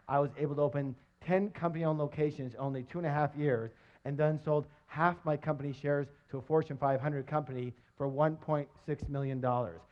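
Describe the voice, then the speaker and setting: A middle-aged man giving a live motivational seminar on stage, energetic and quizzing his audience, on a dull lo-fi recording. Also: medium pitch. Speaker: seminar presenter.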